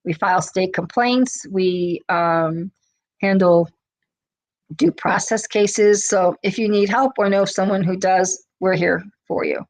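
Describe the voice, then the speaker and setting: A woman's voice: medium pitch, slow, poor audio. Chatty woman advocate on a webinar. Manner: chatty storytelling with many fillers. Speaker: special education advocate. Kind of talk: webinar presentation.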